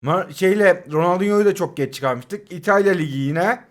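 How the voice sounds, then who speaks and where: A man in his twenties giving live commentary on his game, exasperated and swearing, pleading with it and swinging between outbursts and forced calm. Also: sits high, moderate pace. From Turkey. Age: 20s. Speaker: gaming YouTuber.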